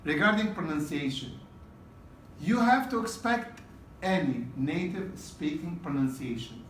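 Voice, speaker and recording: A man's voice: a little high, lively intonation, measured pace, a bit bright, slight background noise. A man teaching a test-prep class in a casual lecture style, often checking in with "okay?" and repeating key points. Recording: roomy classroom from a distance.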